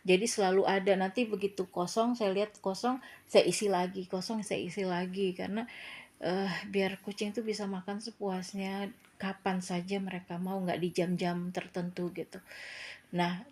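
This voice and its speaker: A woman's voice: medium pitch, little pitch movement, moderate pace, a little mellow. Chatty woman telling a story. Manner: chatty, with filler tags, turns firm and lecturing. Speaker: cat feeder and shelter vlogger. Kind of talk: casual spoken storytelling.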